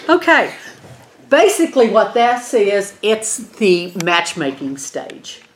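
A woman's voice: mid-range voice, big pitch swings, slow pace, a little hiss or hum. A woman with a twangy West Texas accent teaching an informal Bible lesson in a folksy way, often checking in with the group. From eastern New Mexico and West Texas, USA.

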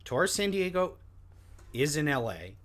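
A man's voice: big pitch swings, measured pace, a bit bright. A man co-hosting a casual comedy podcast, wry and dry in his remarks. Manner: wry, dry, swings widely in pitch. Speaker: podcast co-host.

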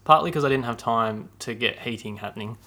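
A man's voice: medium pitch, a little fast, pushed and bright. A man hosting a casual podcast, rambling and self-deprecating, explaining history at length. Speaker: podcast host. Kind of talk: casual chat.

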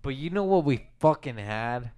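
A man's voice: medium pitch, animated, moderate pace, darkish tone, clear, resonant tone. A young man in casual chat with friends in a basement, reminiscing in a rambling, sentimental way with lots of swearing. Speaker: storyteller among friends. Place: home basement.

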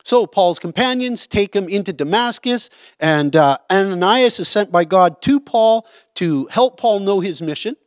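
A man's voice: high voice, expressive, unhurried, dry recording, clean studio sound. A man teaching a Bible study, explaining a passage in a conversational way and often checking in with "right?".

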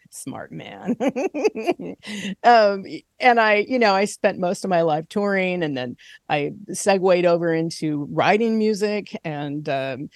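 A woman's voice: on the low side, no room sound, studio quality. A middle-aged woman, a singer-songwriter guest on a podcast, chatting casually and laughing easily. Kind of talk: casual interview chat.

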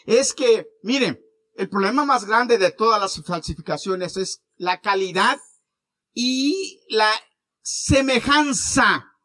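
A man preaching a sermon as pastor, animated, with wide swings between loud and quiet. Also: high-pitched, takes it slowly, dry recording.

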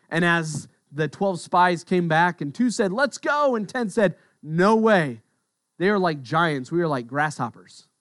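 A man preaching a sermon on a gospel passage, animated and conversational, dropping to quiet asides. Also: on the high side, dry recording, clean studio sound. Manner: animated, acts out quoted voices, drops to quiet asides. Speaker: pastor.

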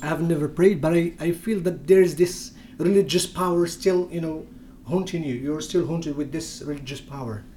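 In this interview, a young Moroccan man speaks English as a second language after Berber (Tamazight), hesitating and restarting with many fillers. His voice is a little high yet dark in tone, at normal speed, with slight background noise.

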